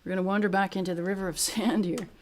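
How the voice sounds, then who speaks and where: A woman's voice: medium pitch, steady tone. A woman musician chatting casually and playfully with viewers between songs on a live stream, her voice drenched in cave-like reverb. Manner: chatty and playful, quick bursts of talk. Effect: heavy cave-like reverb on her speaking voice.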